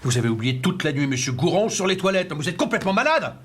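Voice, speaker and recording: A stern care-home director. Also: male voice, fairly high pitch, sing-song, quick pace, husky. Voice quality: curt, scolding, falsely polite. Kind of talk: film dialogue.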